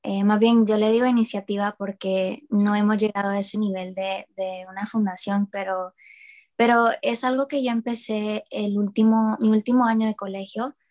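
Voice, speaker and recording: A young woman, a student guest and project founder from New Orleans, USA, talks in a casual interview with a steady, slightly mellow mid-range voice at a moderate pace. She hesitates, using fillers and restarting her sentences.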